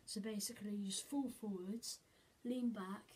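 A woman's voice: mid-range voice, fairly even intonation, moderate pace, a little mellow, a little hiss or hum. Rambling casual female vlogger in her bedroom. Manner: rambling, full of "basically" and "like" fillers. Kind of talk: casual how-to vlog. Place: bedroom, indoors. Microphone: camera mic set on the bed.

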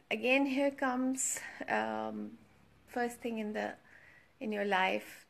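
A woman giving an earnest motivational talk to her followers, stressing and slowing down on key points and slipping into Hindi phrases. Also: a little high. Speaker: motivational speaker.

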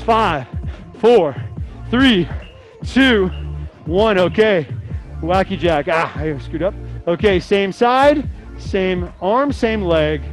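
A middle-aged man coaching a live workout, giving encouraging cues and instructions to a class. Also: high voice. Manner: encouraging, calling out cues and counts. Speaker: fitness coach. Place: indoor gym studio.

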